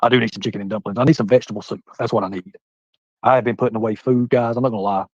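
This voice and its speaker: Fast-talking man in his forties. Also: medium pitch, fairly even intonation, darkish tone, no echo, dull audio. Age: 40s. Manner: rambling, talks straight to viewers by name. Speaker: livestreamer reading chat. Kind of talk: casual live-stream chat.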